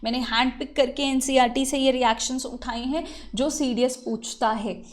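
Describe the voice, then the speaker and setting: A woman, giving a brisk, chatty exam revision lesson and switching between Hindi and English. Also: high-pitched, steady tone. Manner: brisk, chatty, mixes Hindi and English, fillers like theek hai. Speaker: exam prep teacher.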